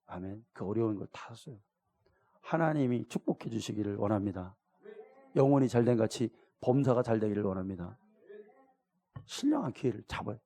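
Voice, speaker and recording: His voice fairly low, mellow and marked by vocal fry, a middle-aged pastor preaches briskly with long pauses. He speaks colloquially, questions his congregation, and acts out the voices in the story.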